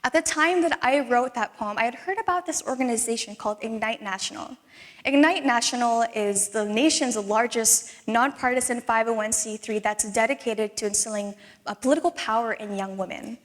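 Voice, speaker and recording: A young woman in her twenties, originally from the Philippines, speaks to an audience as a spoken word poet. Her voice sits a little high, and her delivery is earnest and rhythmic, leaning on emphasis. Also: a little fast. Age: 20s. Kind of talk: talk with spoken word performance.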